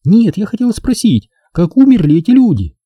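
A man reading an audiobook and voicing a jealous, sharp-tongued young woman who talks in a shrill, sarcastic, accusing way. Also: big pitch swings, fairly quick, no echo, dull audio. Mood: indignant.

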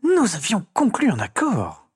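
Man playing a shrill, sly gossip reporter woman, slow sing-song taunts, dry close sound. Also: wildly swooping pitch, slightly rough, no room sound, full character voice. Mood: indignant. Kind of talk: audiobook reading.

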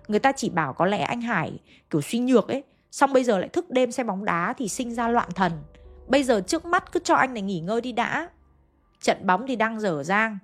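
A woman telling a ghost story in a chatty, conversational way, with emphatic asides. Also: medium pitch. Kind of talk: casual spoken storytelling.

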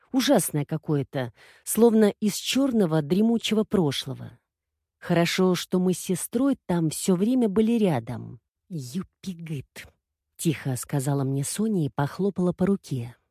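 A woman reading a first-person story aloud in a quiet, reflective manner. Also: lowish voice, big pitch swings, moderate pace, slightly rough, no echo, clean studio sound. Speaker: audiobook reader.

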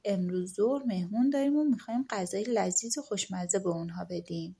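Storybook villain: a menacing giant snake, read by a woman, low, bossy and threatening. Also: creaky, mellow, slightly rough. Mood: commanding. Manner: commanding, threatening. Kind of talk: audiobook storytelling.

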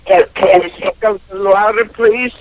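A man's voice: high voice, steady tone, slow pace, no room sound, dull audio, pitched above the performer's own voice. A man voicing a confused, hard-of-hearing old man who quavers and strains to hear, in a prank call comedy bit.

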